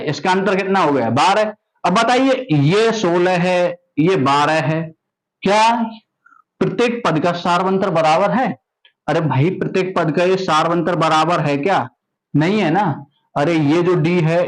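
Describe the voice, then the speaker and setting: A young man with a high voice gives a maths lesson. He keeps asking his students questions, repeats them, and then answers himself in a steady classroom rhythm. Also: rough recording. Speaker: maths teacher.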